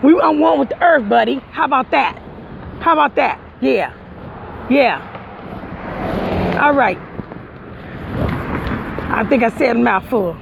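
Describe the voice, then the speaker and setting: High gravelly man preaching outdoors. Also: expressive, unhurried, long pauses, muffled recording, noisy background. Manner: emphatic, repetitive, preachy. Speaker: vlogger. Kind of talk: casual heartfelt monologue to viewers.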